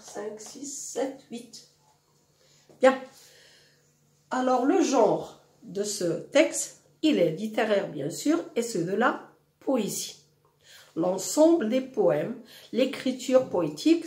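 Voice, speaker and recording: Woman teacher, slow and patient, explaining a poem, roomy echoey room. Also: on the high side, darkish tone. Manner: patient, asks the class questions then answers them. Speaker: French teacher.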